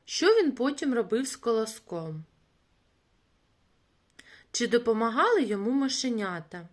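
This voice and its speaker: A woman reading a fairy tale to children in a gentle, expressive way, then asking them questions about it like a teacher. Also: fairly high pitch, measured pace.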